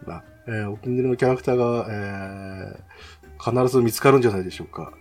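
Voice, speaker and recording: A man's voice: fairly low pitch, fast, darkish tone, soft background music. A man chatting casually and politely about games as a host, in a chatty way. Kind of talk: casual game talk with a co-host.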